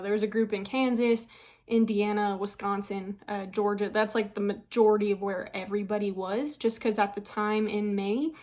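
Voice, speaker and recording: A young woman chats to her viewers in a loose, rambling way, full of ums and quick little laughs. She sounds a touch out of breath, and her voice sits at an ordinary middle pitch for a woman. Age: young adult. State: a bit out of breath. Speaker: vlogger. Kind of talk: casual chat.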